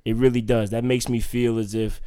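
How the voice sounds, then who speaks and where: A man co-hosting a podcast, earnest and stammering as he restarts his sentences. His voice is mid-pitched and sits in a dry, close sound. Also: level tone, fairly quick, mellow, clear, resonant tone, no echo. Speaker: podcast co-host. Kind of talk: casual chat.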